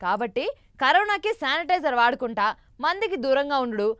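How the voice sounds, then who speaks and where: Fast, high-pitched scolding woman. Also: sing-song, fairly bright tone, no echo, clean studio sound. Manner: scolding, bossy, teasing. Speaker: comedy skit host. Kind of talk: satirical news comedy skit. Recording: voice over background music.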